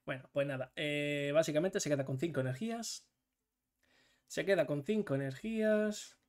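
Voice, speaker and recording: A man, commentating his own match live as a gaming streamer, excitable and swearing, going from low mutters to shouts. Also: normal speed.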